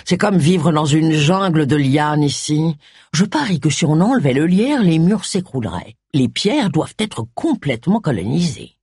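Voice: mid-range voice, very animated, normal speed, a little mellow, husky, dry recording, studio quality. Narrator doing a laid-back posh guy, kinda whiny, audiobook. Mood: drawling. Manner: drawling, plaintive. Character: suave, aloof aristocratic man. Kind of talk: audiobook character reading.

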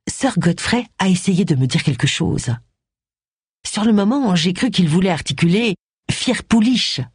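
Brief: reader voicing a forceful middle-aged woman detective from an audiobook, lively delivery, husky edge. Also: on the low side, dry recording, clean studio sound, heavily acted. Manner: accusing, forceful.

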